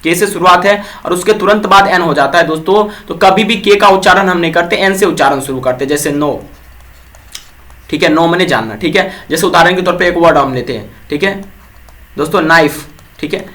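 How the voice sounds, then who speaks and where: A young man with a high-pitched voice teaches English words for an exam. He keeps putting questions to his viewers and answers them himself, tagging each point with a quick check-in. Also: a bit bright. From Bihar, India. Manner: repeats quiz questions to viewers, fills with "ठीक है". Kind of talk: exam-prep vocabulary lesson.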